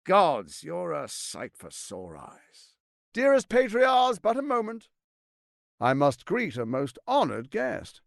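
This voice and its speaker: This is a scheming, silver-tongued tyrant lord from a fantasy video game, smug and silky, with a gravelly voice. His pitch swoops wildly as he savours each word unhurriedly, pompous, menacing and theatrically emphatic. It's a full character voice, recorded very dry and close with no room sound.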